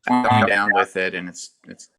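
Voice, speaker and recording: A man's voice: lowish voice, moderate pace, over loud music. A man chatting casually on a group call while his connection breaks up and cuts in and out. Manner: rambling, filler-heavy. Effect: choppy, breaking-up call connection. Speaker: stock trader checking in with a group. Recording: call audio cutting in and out.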